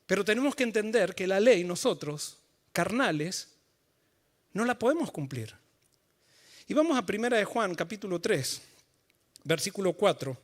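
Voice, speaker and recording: A male pastor preaching a sermon in church, explaining scripture through everyday stories and building to emphatic, forceful points. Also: high-pitched, very animated, moderate pace, pauses often.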